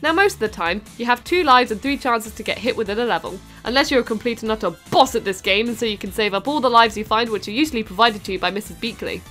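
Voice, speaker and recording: A woman's voice: on the high side, animated, fast talker, hardly any pauses, fairly bright tone, faint music behind. A young British woman doing a bubbly, jokey review of a video game, with playful squeals and sing-song asides. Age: young adult. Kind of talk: upbeat comedic game review.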